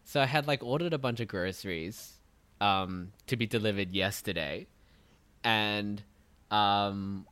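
Aussie podcast co-host, laughing storyteller, lowish voice, dry. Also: male voice, measured pace, smooth, no echo. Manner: animated storytelling, swears freely, laughs at own jokes. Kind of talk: casual chat.

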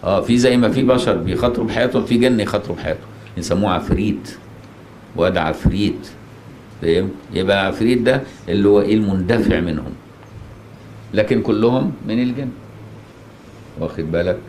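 A man's voice: fairly low pitch, quick pace, pauses often, darkish tone. A man with an Egyptian accent giving a colloquial religious lesson in a mosque, often asking rhetorical questions and checking that listeners follow. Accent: Egyptian Arabic. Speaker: religious teacher. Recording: echoey mosque, faint noise.

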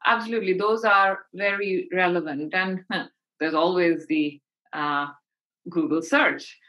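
A woman's voice: fairly low pitch, unhurried, sharp tone. A woman giving conversational advice as an expert podcast guest, explaining her points with emphasis.

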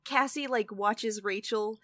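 A woman's voice: mid-range voice, slow pace, sharp tone, dry recording. A woman co-hosting a casual book podcast, recapping the plot in a laid-back way with lots of fillers. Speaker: podcast co-host.

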